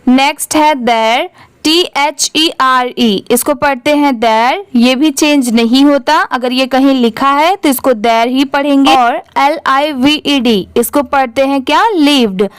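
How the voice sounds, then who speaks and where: Woman teacher, unhurried, spells words letter by letter, repeats them, dry close sound. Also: high voice, no echo. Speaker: English reading teacher. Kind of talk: slow spelling-out lesson in Hindi.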